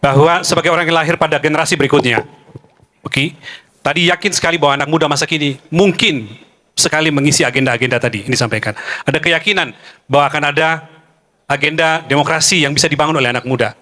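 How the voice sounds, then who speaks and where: A man moderates a forum in a quick, bright and forceful voice that sits a little high. He keeps things moving like an energetic emcee handing the floor from speaker to speaker.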